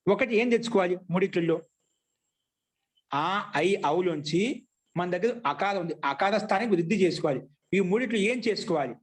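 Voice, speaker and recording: Man, high voice, grammar lecture, rhetorical questions, slow chanted rules. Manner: asks questions and answers them, chants sutras slowly. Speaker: Sanskrit grammar teacher. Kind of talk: classroom lecture.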